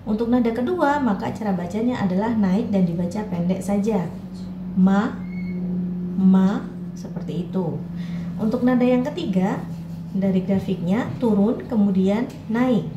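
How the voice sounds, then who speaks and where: A woman's voice: medium pitch, dull audio. Patient woman teaching Mandarin tones. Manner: clear, patient, models tones slowly. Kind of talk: instructional lesson for learners. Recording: echoey room, faint background noise.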